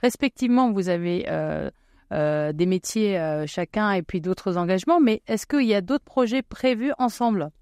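A woman's voice: medium pitch, animated, normal speed, darkish tone, no room sound. A woman co-hosting a radio interview, teasing and curious as she questions her guests. Her voice is mid-range, in a close, dry studio sound. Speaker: radio co-host. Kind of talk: casual interview chat.

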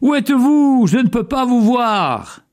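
Man doing a shepherd boy, high and eager, shouty calls. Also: sing-song, measured pace, full character voice. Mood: calling out. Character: young shepherd boy, eager then frightened.

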